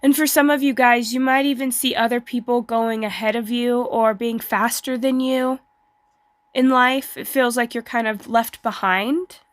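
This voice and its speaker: A woman who is sick, as with flu, giving a casual tarot reading to online viewers in a hesitant, pausing way. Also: fairly high pitch, steady tone, no echo. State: sick, as with flu, voice may give out. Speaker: tarot card reader.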